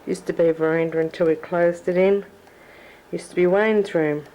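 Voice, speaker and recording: There's slight background noise on this low-quality camcorder recording of an Australian woman casually showing off her family home and backyard. As she walks, her narration is chatty and full of memories. Her lowish, warm voice keeps a fairly even intonation at normal speed.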